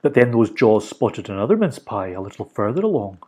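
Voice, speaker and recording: A man reads a children's storybook aloud for a library audience. His delivery is animated and expressive, with a voice that rises and falls a lot. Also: lowish voice, a little fast, husky. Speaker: library reader.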